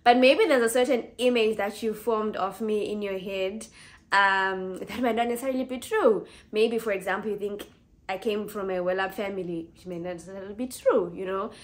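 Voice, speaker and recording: Zimbabwean woman, 20s, easygoing vlogger, casual chat to camera, mid-pitched. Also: fairly quick. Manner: chatty, warm, laughs easily, self-correcting.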